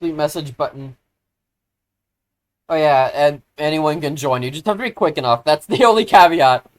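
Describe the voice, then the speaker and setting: Casual live streamer, mid-range voice, chatty and self-deprecating, lots of "like" and "um", spikes into loud excitement. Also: medium pitch, moderate pace. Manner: rambling, filler-heavy, self-deprecating; easily excited, bursts into loud exclamations.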